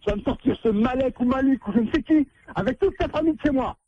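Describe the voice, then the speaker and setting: A man's voice: extremely high pitch, quick pace, slight background noise. A man who is being pranked, angrily ordering the caller out and repeating himself. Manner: angry, insistent, repeating himself. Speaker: prank call victim, landlord. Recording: muffled dry phone line.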